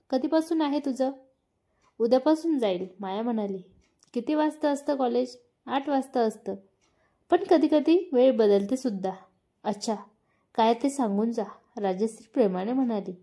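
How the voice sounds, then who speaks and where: A woman with a Marathi accent reads a family romance story aloud in a fairly high, mellow voice. She lifts her pitch slightly when she speaks the characters' lines.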